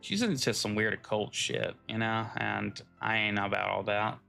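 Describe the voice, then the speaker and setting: Gravelly, bright-voiced guy joking through a game. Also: fairly low pitch, steady tone, moderate pace, soft background music. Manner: joking, loose and profane. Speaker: streamer. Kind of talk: casual gameplay commentary.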